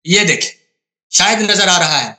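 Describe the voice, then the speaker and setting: A man's voice: sits high, expressive, pushed and bright. A man debating on a video call, insistent and repetitive, often talking over his opponent. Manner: insistent, repeats himself, talks over opponent. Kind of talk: heated online debate.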